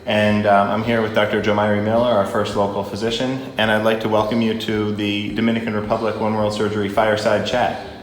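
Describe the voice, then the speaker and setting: A man's voice: on the low side, flat delivery, brisk. A man, a pediatrician, giving a friendly, formal event introduction. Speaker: pediatrician, medical director. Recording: echoey room.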